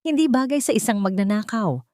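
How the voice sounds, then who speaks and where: A woman voicing a wronged young wife who speaks calmly and coldly. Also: on the high side, fairly quick, dry recording, clean studio sound, pitched above the performer's own voice, lightly acted. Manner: calm, cold and firm.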